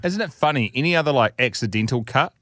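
A man's voice: medium pitch, expressive, fast talker, fairly bright tone, no room sound. New Zealand man hosting, dry studio sound. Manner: informal, blokey. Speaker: show host. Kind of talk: casual chat, co-hosting.

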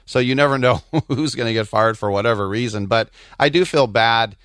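Smooth-voiced man chatting casually about sports. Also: mid-range voice, a little fast, a bit bright, no room sound, clean studio sound. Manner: digressive, anecdotal. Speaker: soccer commentator and co-host.

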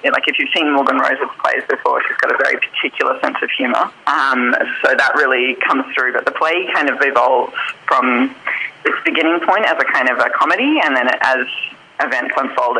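A woman's voice: a bass voice, brisk, gravelly, bright, forceful tone, a little hiss or hum, low-quality recording. A woman in her thirties with an Australian accent, a theatre director chatting as a guest, laughing often between thoughts. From New South Wales, Australia. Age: 30s. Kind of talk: casual interview over the phone. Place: car rental shop at a train station.

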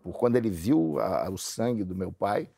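Gravelly low-voiced man. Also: big pitch swings, normal speed, mellow, a little hiss or hum. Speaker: guest. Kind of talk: casual storytelling in a group chat.

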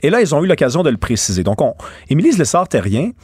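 A man's voice: a little high, very animated, quick pace, darkish tone, breathy edge, no room sound, clean studio sound. A man with a Québécois accent giving opinionated political commentary on a talk show, with many stammered restarts. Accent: Québécois French. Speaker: radio show host.

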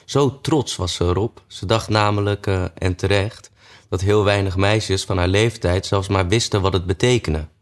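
Male storybook narrator, deep voice, relaxed read with hesitations. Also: moderate pace. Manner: relaxed reading with frequent "eh" fillers. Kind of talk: storybook reading.

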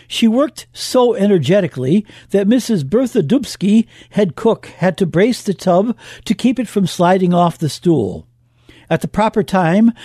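A man narrating a scripted radio history piece in a measured, even reading. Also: high voice, no echo, studio quality.

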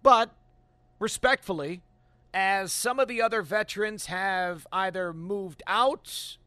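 A man hosting a postgame sports radio call-in show, talking in an animated, emphatic way with fillers and restarts. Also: high voice, slow, dry recording. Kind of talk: sports talk radio, opinionated analysis.

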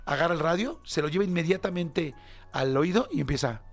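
Mexican male podcast host, slangy storyteller, slightly high gravelly voice, faint music bed. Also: a little fast. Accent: Mexican Spanish. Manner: animated, slangy, acts out other voices with big pitch jumps. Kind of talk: casual storytelling.

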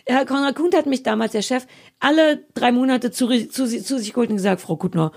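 A woman's voice: high-pitched, fairly quick. A woman co-hosting a podcast and author, from eastern Germany, chatting casually and teasing her co-hosts in a playful way. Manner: playful, teasing, self-promoting. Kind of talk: casual chat.

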